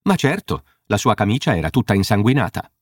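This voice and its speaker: A man reading an audiobook voices a calm, unbothered butler who answers matter-of-factly. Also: on the low side, a little fast, husky, no room sound, studio quality. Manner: matter-of-fact.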